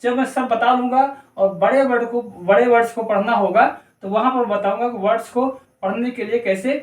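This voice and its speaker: A man teaching English pronunciation, slowly spelling words out letter by letter and repeating each point. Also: sits high. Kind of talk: explanatory lesson. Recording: echoey room, mic at a distance.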